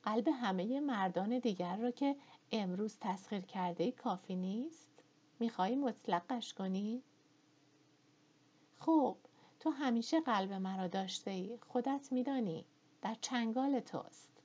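A woman voicing a gentle young gentleman, earnest and kind, with a breathy, slightly muffled voice. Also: fairly high pitch, lively intonation.

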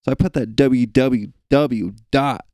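Young male podcast co-host, mellow voice, profane rambling comic rant, dry room. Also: mid-range voice, unhurried, dry recording. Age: young adult. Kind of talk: casual rant.

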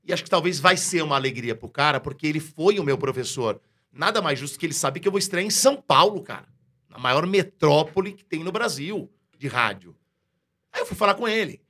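A man with a Brazilian accent, a radio announcer telling a story in a casual interview, slangy and lively, acting out the dialogue he recounts. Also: on the high side, a little fast. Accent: Brazilian Portuguese.

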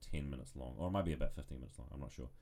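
A man's voice: rumbling low, racing, dark tone. A young man, co-hosting a casual podcast, joking and sarcastic. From New Zealand. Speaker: podcast co-host.

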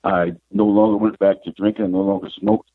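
A middle-aged man with a husky, fairly low voice recounts his life as a psychic guest, unhurried and reflective. The sound is thin and tinny, like a phone line, and quite dry. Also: little pitch movement, no room sound. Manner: unhurried, reflective, retells scenes with quoted dialogue. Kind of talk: personal storytelling in an interview.

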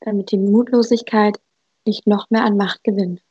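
A woman voicing a small, kindly old woman who is Hope, speaking gently and comfortingly. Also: mid-range voice, steady tone, moderate pace, husky, dry recording, muffled recording, close to an everyday voice. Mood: tender. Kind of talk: story reading.

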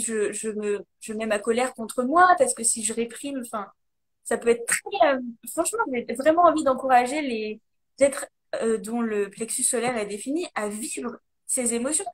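Woman, high voice, explains stuff fast and animated, lots of euh. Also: a little hiss or hum. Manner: animated, explaining with many fillers. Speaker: guest, coach. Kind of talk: casual conversation, live video.

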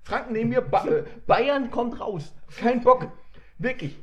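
A man's voice: very high voice, animated, a little slow, highs cut off. A young man telling rambling stories in a casual chat, laughing often and acting out the voices of people he quotes.

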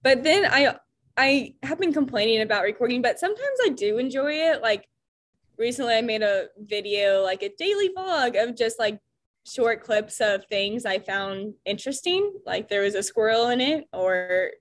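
A woman's voice: fairly high pitch, expressive, normal speed. A young woman with a Midwestern American accent, co-hosting a casual chat, talking in a chatty, self-deprecating way full of "like" fillers. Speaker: podcast co-host.

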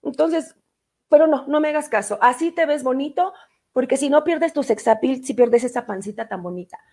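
A woman with a Mexican accent and a high, bright voice hosts a live online show. She talks casually and playfully, with lots of fillers along the way. She reads viewer comments aloud and answers them warmly. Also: moderate pace. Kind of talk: casual live-stream chat.

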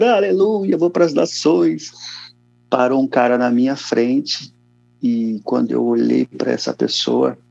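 Gravelly Brazilian man, coughing often. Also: mid-range voice, dry recording. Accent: Brazilian Portuguese, São Paulo area. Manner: casual, slangy storytelling. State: coughing repeatedly. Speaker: interview guest. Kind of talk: emotional personal testimony. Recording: dull, lo-fi, dry sound.

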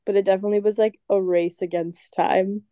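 A young woman from a band, speaking as a podcast guest in a laid-back, easygoing way. Her voice is dark and mellow, and it sounds dry and close. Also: mid-range voice, little pitch movement, fairly quick, no room sound. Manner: laid-back, laughs easily. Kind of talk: casual interview.

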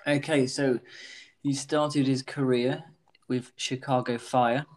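A man's voice: mid-range voice, level tone, takes it slowly, darkish tone. Hesitant man thinking aloud through guesses. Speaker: quiz contestant. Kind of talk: casual football quiz chat.

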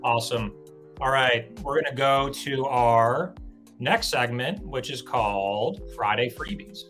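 A man's voice: mid-range voice, unhurried, music in the background. A man co-hosting a live talk show, enthusiastic and casual, explaining a giveaway segment and swearing freely. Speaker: co-host.

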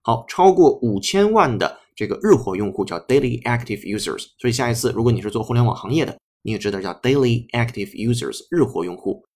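A man's voice: mid-range voice, animated, darkish tone, husky. Male language teacher, patient and methodical, mid-range voice, breaks each sentence down. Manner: slow, patient, spells words letter by letter. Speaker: English teacher. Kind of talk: explaining a text line by line.

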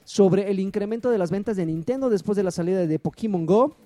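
A man's voice: high voice, brisk, mellow, no room sound. A man with a Mexican accent hosting a casual podcast, reading out listener greetings with a joking manner. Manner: joking, reads names and greetings aloud.

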